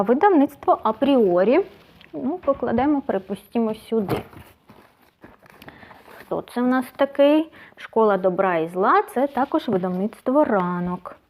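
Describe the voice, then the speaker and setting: A woman's voice: mid-range voice, a little hiss or hum. A woman book blogger in a casual vlog, chatting and thinking aloud as she sorts books. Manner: chatty, thinks aloud, often says "so" between items.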